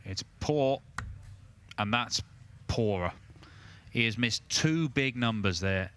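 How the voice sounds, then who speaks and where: A man delivers live darts commentary in a bright, forceful voice at a middling pitch. There is faint venue noise behind him. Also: expressive, slow.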